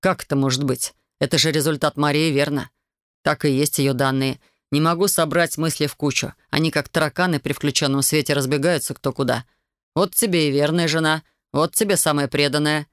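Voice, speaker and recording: A man reading a first-person audiobook story in a measured, brooding way. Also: a little high, steady tone, a bit bright, no room sound, studio quality. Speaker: audiobook narrator.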